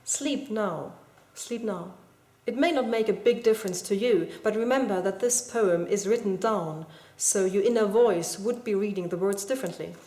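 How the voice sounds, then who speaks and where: Woman calmly explaining in an echoey room. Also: medium pitch. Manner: calm, measured, explanatory. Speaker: video blogger explaining a poem. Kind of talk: scripted literary analysis. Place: school building indoors.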